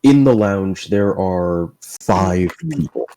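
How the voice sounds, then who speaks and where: A man running a tabletop role-playing game as dungeon master, relaxed, explaining the rules and thinking aloud. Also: sits low, slow pace, slight background noise.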